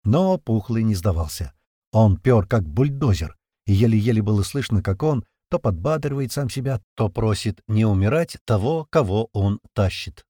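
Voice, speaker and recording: Husky-voiced man narrating an audiobook. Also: fairly low pitch, normal speed, no echo, clean studio sound. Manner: steady storytelling, tense and vivid.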